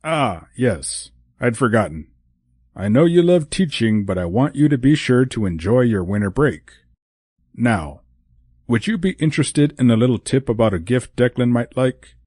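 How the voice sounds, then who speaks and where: A man's voice: medium pitch, very animated, moderate pace, mellow, no room sound, studio quality, pitched above the performer's own voice. Santa Claus, voiced by a male narrator. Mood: fatherly. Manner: avuncular, calls her "my dear". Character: kindly old Santa Claus, gentle and wise. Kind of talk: audiobook character voice.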